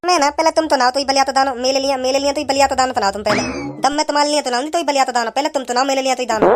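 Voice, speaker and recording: A woman's voice: high voice, rapid-fire, lightly acted. Woman voicing a lisping cartoon village girl. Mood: coy. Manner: heavy baby-talk lisp, mangled consonants. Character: lisping young village girlfriend, sulky and coy. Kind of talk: cartoon voice acting. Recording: music bed under voices.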